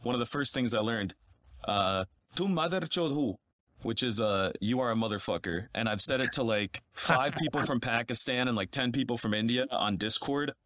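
Podcast guest: American man, 20s, tired throat, animated storyteller, dry close sound. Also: medium pitch, normal speed, no room sound. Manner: animated, storytelling, says "like" a lot. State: fried, worn throat. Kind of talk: casual chat.

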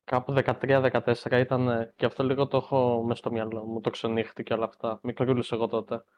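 A man's voice: mid-range voice, completely flat delivery, slight background noise. A young man co-hosting a casual wrestling podcast, reminiscing in an easygoing way. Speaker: podcast co-host. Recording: dull lo-fi sound.

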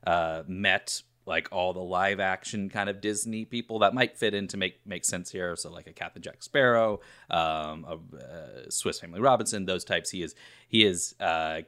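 A man's voice: deep voice, normal speed, a bit bright. A man co-hosting a casual podcast chat, making dry teasing jokes. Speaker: podcast co-host.

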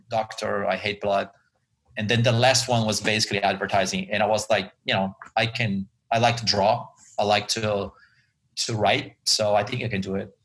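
A man from Brazil, chatting as an interview guest in a relaxed way with many fillers. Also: fairly low pitch. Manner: relaxed, chatty, many ums and you-knows. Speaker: guest, advertising creative director. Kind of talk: interview conversation.

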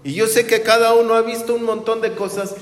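Lively high-voiced preacher in a reverberant hall. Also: male voice, brisk. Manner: lively storytelling, acting out quoted people. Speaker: pastor. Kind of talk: sermon. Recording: roomy hall with long reverb.

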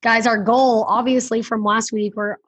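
A woman in her thirties co-hosting a casual podcast, her voice hoarse from yelling, joking and laid-back. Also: a little high, flat delivery, moderate pace. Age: 30s. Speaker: podcast co-host. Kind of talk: casual chat.

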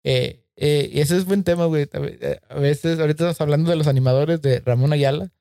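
A man's voice: fairly high pitch, fairly quick, vocal fry, dark tone, no room sound, clean studio sound. A man with a Mexican accent hosting a casual chat, laid-back and agreeing often, with lots of slang. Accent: Mexican Spanish. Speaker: host.

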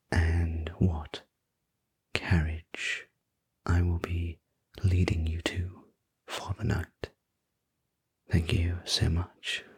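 A man's voice: sits low, heavily acted. Man as a whispering sleep story train conductor. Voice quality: breathy, whispered. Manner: soothing, polite, unhurried sleep story delivery. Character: courteous, attentive male night conductor on a luxury sleeper train. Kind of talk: whispered role-play.

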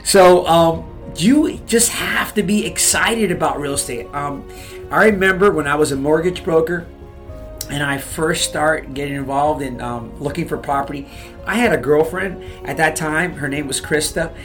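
A man's voice: a little high, moderate pace, a bit bright, faint music behind. A man giving real estate advice in a motivational talk, fired up, pushing his listeners with repeated "okay?" and "you guys.".

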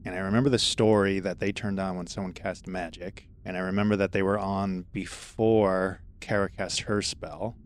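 A man's voice: low voice, little pitch movement, normal speed, few pauses, clear, resonant tone. A man playing in a tabletop game, thinking aloud about his character's moves with some hesitation. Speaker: player. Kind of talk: casual tabletop play.

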